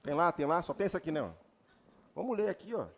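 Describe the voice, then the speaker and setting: Brazilian pastor guy, high voice, jokey lively sermon, yells the big lines. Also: fast. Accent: Brazilian Portuguese. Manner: lively, joking preaching with sudden loud declarations. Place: church retreat.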